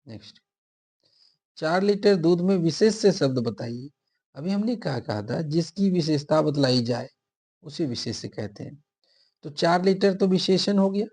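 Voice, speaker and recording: A man's voice: fairly high pitch, creaky, mellow, breathy edge. A man teaching an exam-prep grammar lesson, explaining step by step and repeating each answer option aloud.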